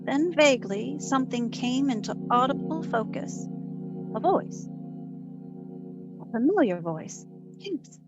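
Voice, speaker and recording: Leading a community theatre recreation of old-time radio, a woman plays a wisecracking, hard-boiled private detective, narrating her case in the first person and in dialogue. Her high voice is slow, heavily acted and full of long pauses, with a dazed, wry, deadpan mood. The lo-fi recording sounds dull, with music underneath.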